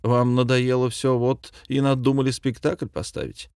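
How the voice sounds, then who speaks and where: A man voicing a wary, level-headed young man who speaks in quiet, measured tones. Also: mid-range voice, flat delivery, vocal fry, dry recording, studio quality, natural voice.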